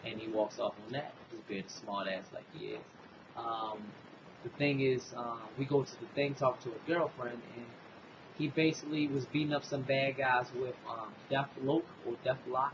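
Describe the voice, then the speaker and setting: A man's voice: mid-range voice, fairly even intonation, moderate pace, background noise. Rambling man reviewing comics, muffled audio. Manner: rambling retelling with many fillers and "basically". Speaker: host and comic book reviewer. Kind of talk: casual comic book review.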